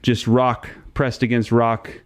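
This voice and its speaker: A man's voice: mid-range voice, monotone, slow, no room sound. Man, documentary narrator, dramatic direct address, rhetorical questions, resonant voice, dry close sound.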